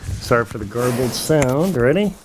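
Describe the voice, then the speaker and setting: A man's voice: mid-range voice, expressive, normal speed, background noise. A man casually demonstrating outdoor gear, heard through garbled, muffled audio after moving his microphone. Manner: chatty, practical, talks while handling gear. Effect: garbled, muffled audio from the mic being moved.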